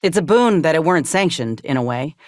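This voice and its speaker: In video game companion dialogue, an actress voices a frank, caring young woman soldier who is troubled, speaking earnestly and plainly with folksy turns of phrase. Her voice sits low with lively intonation and a fairly quick pace, recorded dry with clean studio sound.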